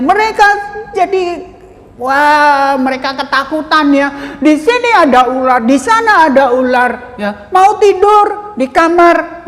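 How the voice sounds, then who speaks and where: A woman, a Sunday school teacher, telling a Bible story to children in a lively way, adding a questioning "ya" after nearly every phrase and asking the children questions. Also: sits high. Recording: long hall reverb.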